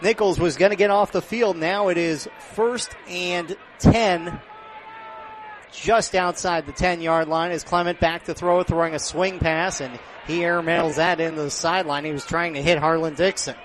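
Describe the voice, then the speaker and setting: At an outdoor stadium, a radio announcer with a fairly high, steady voice delivers live football play-by-play at a normal speed. He's close to the mic, and the outdoor crowd sound comes through clearly.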